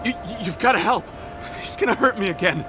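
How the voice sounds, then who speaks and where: An actor playing a frightened, timid apothecary in a video game, who stammers nervously. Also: male voice, sits high, lively intonation, brisk, noisy background. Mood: scared. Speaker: apothecary shopkeeper.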